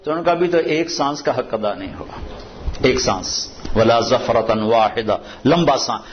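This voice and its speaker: Preacher with a lilt. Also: male voice. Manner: storytelling, recites Arabic verses in a low measured voice. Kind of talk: sermon. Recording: dull lo-fi with faint noise.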